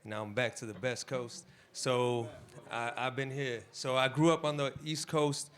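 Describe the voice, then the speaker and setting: This audience member, a man from New Jersey, talks casually at a community panel in a rambling way, cursing without restraint. He has a medium-pitched, steady voice and speaks a little slowly.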